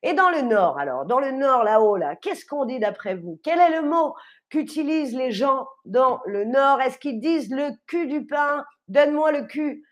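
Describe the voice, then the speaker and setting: A woman with a high, bright-pitched voice hosts a live stream and chats with her viewers. She quizzes them, laughs often, and leans on key words by stretching them out. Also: sing-song, normal speed.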